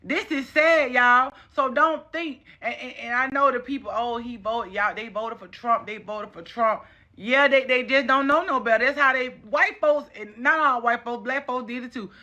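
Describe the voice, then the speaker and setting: A woman's voice: on the high side, moderate pace, pushed and bright. A woman with a Southern US accent giving an impassioned, casual social media rant, scolding and repeating phrases for emphasis.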